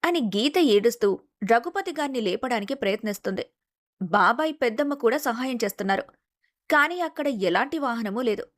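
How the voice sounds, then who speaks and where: A woman narrating a scripted family drama in a steady storytelling manner. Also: a little high, fairly quick.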